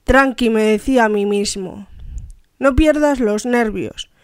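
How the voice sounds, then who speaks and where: Slow, clear woman reading a novel. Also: a little high, no room sound, clean studio sound. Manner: measured, deliberate reading. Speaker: radio reader. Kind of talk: reading a novel aloud on radio. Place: radio studio.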